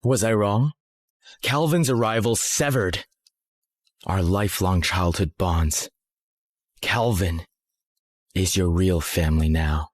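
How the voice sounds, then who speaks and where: A man acting a cool, resolute young man in a dubbed short drama, speaking in a measured, firm way as he spurns old friends. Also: low-pitched, no echo. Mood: cold rejection. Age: young adult.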